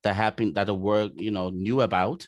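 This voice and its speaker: A man from Liberia with a Liberian accent, speaking as an interview guest in casual talk, often pausing with "you know". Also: fairly low pitch, steady tone, no room sound. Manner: warm-hearted, many fillers like "you know".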